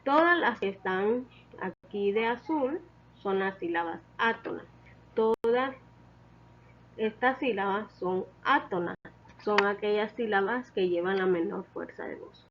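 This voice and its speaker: A woman's voice: medium pitch, a little slow, highs cut off. A woman teaching a lesson, explaining step by step and patiently repeating key points.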